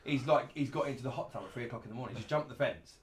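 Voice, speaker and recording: A man races through his stories at a rapid clip, blunt and full of swearing, laughing as he goes. His pitch sits in an ordinary middle range. It is a casual, anecdotal way of talking, as a host chatting with guests. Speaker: show host telling stories about a friend.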